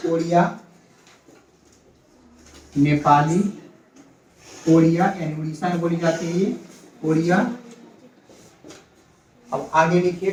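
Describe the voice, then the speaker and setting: A man teaching a class, quizzing his students, repeating key words and calling for quiet. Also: fairly high pitch. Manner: calls for quiet. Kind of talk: classroom lecture. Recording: echoey classroom, distant mic, faint noise.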